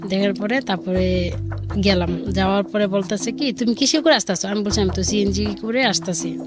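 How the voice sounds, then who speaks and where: With music playing behind her, a woman with a Bangladeshi accent, likely a caller or guest, shares her life story in a conversational way. Her voice sits at a medium pitch and moves at a moderate pace as she quotes back-and-forth dialogue in colloquial speech.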